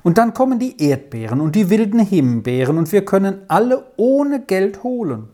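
A woman voicing a gentle, easily frightened young girl in a children's story, pleading anxiously. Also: mid-range voice, very animated, normal speed, pitched above the performer's own voice. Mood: earnest.

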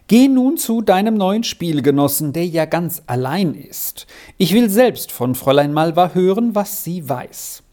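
A reader voicing a calm mother in a storybook, with a soothing, patient way of speaking. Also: mid-range voice, a little slow, few pauses. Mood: gentle.

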